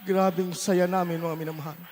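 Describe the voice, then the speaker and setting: A man with a Filipino accent preaching a testimony sermon, moving from quiet storytelling to shouted praise. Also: high-pitched, level tone, brisk. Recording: long hall reverb with faint music.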